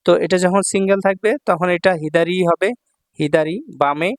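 A man's voice: high voice, fairly even intonation, fairly quick, no echo. A man teaching Japanese kanji in Bengali, patiently repeating each reading and checking in with his students. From Bangladesh. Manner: patient, repeats each word several times, checks in with the listener. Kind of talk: kanji lesson explained in Bengali.

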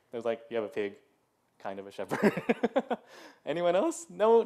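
A man's voice: on the high side, darkish tone. A man in his thirties giving a casual sermon as pastor in a church, chatty and full of "like" and "um", with laughing asides. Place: church sanctuary.

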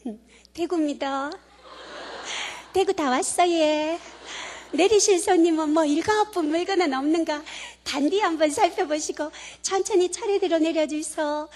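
A woman's voice: extremely high pitch, moderate pace, a little mellow, pitched above the performer's own voice. A woman doing a homespun Gyeongsang train announcer. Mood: folksy. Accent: Gyeongsang dialect. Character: folksy male-or-female train announcer in Gyeongsang dialect. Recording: long church-hall reverb.

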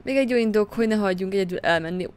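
A woman's voice: mid-range voice, a little mellow, slight background noise, lightly acted. Leering drunk young men from a story game press their company on someone, their politeness slimy and fake. A woman reads them out plainly, in her own voice, with little change. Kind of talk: reading game dialogue aloud.

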